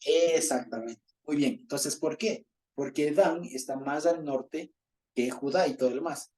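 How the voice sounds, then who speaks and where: A man leads a Bible study in a fairly high, mellow voice. He reads passages aloud, chuckles as he explains, and keeps checking that his group is following. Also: a little slow.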